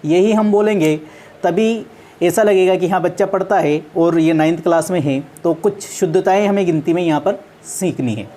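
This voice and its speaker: A woman's voice: fairly low pitch, moderate pace, mellow. A woman teaching a maths class on video, patiently going through number names one at a time and correcting common mistakes.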